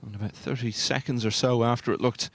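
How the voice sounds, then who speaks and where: Male snooker commentator, hushed and measured delivery, mid-range pitch, understated, analytical. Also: fairly even intonation, slight background noise.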